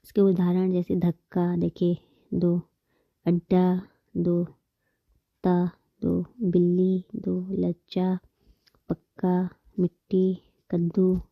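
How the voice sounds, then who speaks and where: A woman's voice: on the low side, monotone, slow, vocal fry, pauses often, no room sound, phone-quality sound. A woman teaching a Hindi grammar lesson, patiently explaining terms, repeating them and counting examples aloud.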